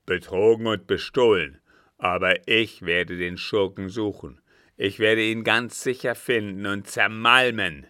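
A man voicing a gruff, scheming male captain who is quick to rage, reading him loudly and forcefully in an audiobook. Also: sits low, fairly even intonation, no room sound, clean studio sound, heavily acted. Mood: grim. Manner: loud, forceful, grim. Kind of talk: audiobook character voice.

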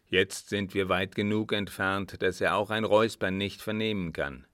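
A man reading a storybook voices a brusque, scheming former French captain who curses and speaks low and forcefully. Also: steady tone, normal speed, no room sound, clean studio sound. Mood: gruff. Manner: gruff, brusque, cursing.

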